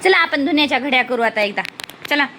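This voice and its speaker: A woman's voice: sits high, animated, fast talker, sharp tone, rough recording. A young woman explains her cooking step by step in a homely way in her kitchen. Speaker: home vlogger. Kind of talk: casual cooking vlog chat. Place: home kitchen. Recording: home recording with clear background noise.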